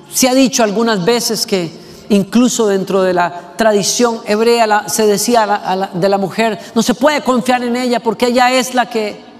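A man preaching a sermon with passion, asking rhetorical questions and slowing down to stress words. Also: high-pitched. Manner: impassioned, rhetorical questions, slows for emphasis. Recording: long reverb with faint music.

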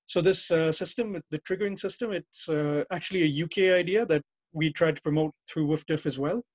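This guest's voice sits on the high side and moves a little fast, captured in a dry recording. A native English speaker, he tells long, meandering stories about the old days on a casual call interview, often stopping to correct himself.

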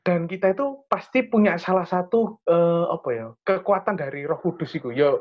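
A man's voice: high voice, normal speed, highs cut off. A young man with an East Javanese accent tells a personal story in casual chat, earnest and rambling. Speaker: storyteller sharing a testimony.

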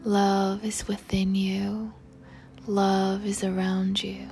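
A woman guiding a meditation in a soft, breathy spa whisper, soothing and tender toward the listener. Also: mid-range voice, monotone, slow pace. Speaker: meditation guide. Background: music.

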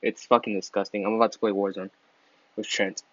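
A man's voice: lowish voice, little pitch movement, fairly quick, a bit bright, dry recording, highs cut off. Crude rambling teenage boy. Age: teens. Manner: crude, laughs mid-sentence, stumbles and repeats words. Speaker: vlogger. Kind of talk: casual rambling monologue.

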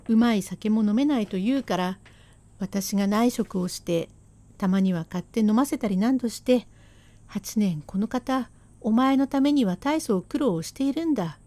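A woman voicing a sharp-tongued, hardworking Edo wife who scolds her husband sarcastically and relentlessly, in rakugo storytelling. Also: mid-range voice, no room sound, natural voice.

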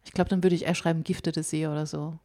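A woman's voice: fairly low pitch, flat delivery, racing, mellow. A woman co-hosting a podcast, explaining her views on writing in a thoughtful, casual way. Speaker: podcast co-host.

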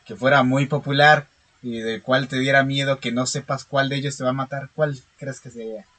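Young mexican guy, husky voice, dry jokey remarks. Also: mid-range voice, steady tone, brisk, fairly bright tone. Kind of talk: casual chat.

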